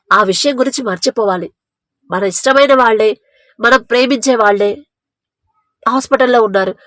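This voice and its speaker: A woman's voice: on the high side, a bit bright, no echo. A woman preaching a devotional sermon with fervent, earnest storytelling, acting out the people in her story.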